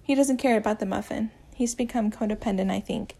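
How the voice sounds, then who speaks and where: A woman reading a romance story aloud, with a gentle, even storytelling manner and small voice changes for the dialogue. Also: fairly high pitch, fairly quick, vocal fry. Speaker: audiobook narrator.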